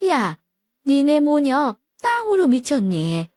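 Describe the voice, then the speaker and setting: A woman's voice: high-pitched, huge pitch swings, slow, dark tone, no room sound, full character voice. A woman voicing a bossy, snobbish older mother-in-law who scolds and barks orders. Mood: angry.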